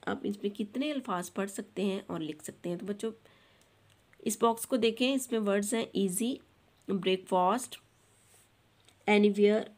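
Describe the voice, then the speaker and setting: A woman tutor with a Pakistani accent, going through a textbook lesson for children. She reads each English line slowly and then explains it in Urdu. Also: medium pitch, darkish tone. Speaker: online tutor.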